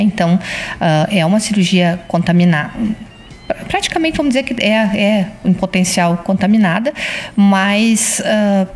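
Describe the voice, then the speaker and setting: A woman's voice: medium pitch, darkish tone. A woman gynecologist answering interview questions, explaining patiently and often adding tag questions.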